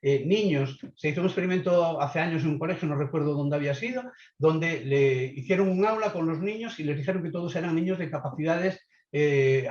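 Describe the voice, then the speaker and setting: Male webinar lecturer, measured and instructive, tags his points with quick checks, roomy and dull call audio. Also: on the high side, a little mellow. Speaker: webinar speaker on leadership. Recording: echoey, slightly dull online audio.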